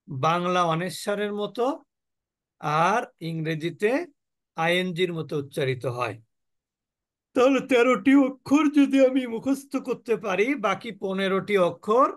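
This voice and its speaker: A male teacher with a Bangladeshi Bengali accent leads an online tajweed class, his voice sitting high. He talks unhurriedly, putting questions to the class and answering them, then stretches each sound out so students can follow. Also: a bit bright. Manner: explains rules, then drags out sounds very slowly for the class to copy. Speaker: Quran recitation teacher. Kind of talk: online tajweed lesson with slow recitation drills.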